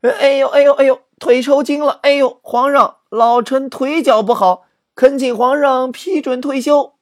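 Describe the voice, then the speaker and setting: A man's voice: fairly even intonation, moderate pace. A man voicing an old general who groans and whines as he feigns illness to retire. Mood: whining. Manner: groaning, high and strained.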